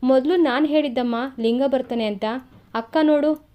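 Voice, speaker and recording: A woman voicing a young boy who scolds and teases in a raised, excited voice in a read-aloud story. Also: sits high, normal speed, smooth, pitched above the performer's own voice, natural voice. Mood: scolding. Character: young boy, bossy and teasing.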